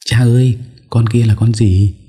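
A man's voice: fairly even intonation, a little slow, warm tone, lightly acted. A man doing an eager little child's voice in a storybook. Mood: curious. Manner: questioning, raised pitch. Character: curious small child, eager and chatty.

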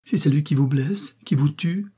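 A man's voice: a little high, normal speed, warm tone, breathy edge, pitched above the performer's own voice. A man reading the part of a frightened, loving young wife, speaking in a pleading, anxious way in an audiobook.

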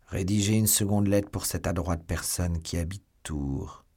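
A man reading an audiobook, voicing a grave, sober older musketeer in a measured tone. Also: deep voice, dark tone, slightly rough, exaggerated voice.

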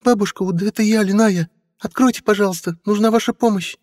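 A man's voice: high-pitched, steady tone, fast talker, a little mellow, no echo, clean studio sound, long reverb tail, voice pushed up, lightly acted. A man voicing an eager young girl in an audiobook, firing off anxious questions. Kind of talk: audiobook character voice.

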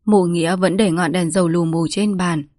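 Female storybook narrator, steady and even, dry close recording. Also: lowish voice, normal speed, no room sound.

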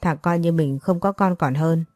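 A proud, stubborn elderly father speaks gruffly, read by a woman narrator. The voice sits low and mellow, recorded close and dry. It is a plain storybook reading rather than a full character voice. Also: moderate pace, dry recording, soft background music, natural voice. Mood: harsh.

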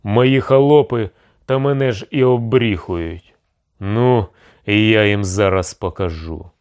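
A man's voice: lowish voice, takes it slowly, darkish tone. A man voicing a proud, hot-tempered young tsarevich in an audiobook, speaking in a commanding, indignant way. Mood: imperious.

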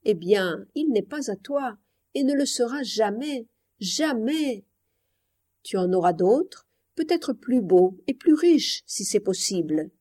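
Woman reader as tormented jealous young woman; passionate, mellow, storybook reading. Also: on the high side, lively intonation, takes it slowly. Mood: obsessed, anguished. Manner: passionate, anguished. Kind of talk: audiobook reading.

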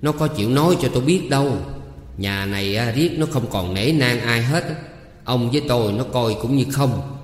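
A man voicing a sharp-tongued old woman who scolds in a raised, shrill voice. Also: normal speed, lightly acted. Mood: scolding. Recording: roomy with long reverb.

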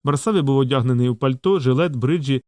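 A man reading a fantasy novel aloud in measured, steady audiobook narration. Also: mid-range voice, dry recording, studio quality.

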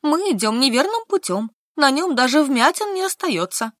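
A woman's voice: high-pitched, big pitch swings, moderate pace, a bit bright, no echo, studio quality, pitched above the performer's own voice. A woman reading an audiobook, voicing a timid, slightly haughty young woman.

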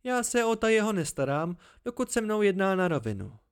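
A man's voice: sits high, big pitch swings, clean tone, pitched above the performer's own voice. A man voicing a proud, secretive young woman in an amateur audiobook, raising his voice to play her. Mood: animated.

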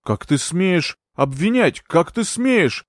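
A man playing a young gentleman accused of murder, pleading and indignant. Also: mid-range voice, animated, a little fast, no room sound, clean studio sound, natural voice.

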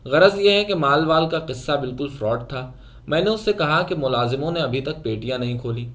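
A man narrating a literary short story aloud in a measured, even storytelling manner. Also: mid-range voice.

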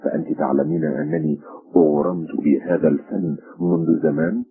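A man playing an earnest young male art student who speaks with gentle, eager pleading. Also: sits low, sing-song, fairly quick, creaky, slightly rough, narrow, tinny audio, faint music behind, exaggerated voice. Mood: admiring.

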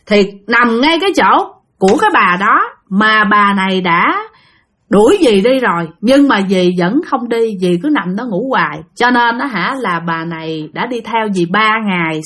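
A woman's voice: mid-range voice, a bit bright. A woman telling ghost stories in a chatty, vivid way, addressing her listeners directly. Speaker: storyteller. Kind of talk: casual spooky storytelling narration.

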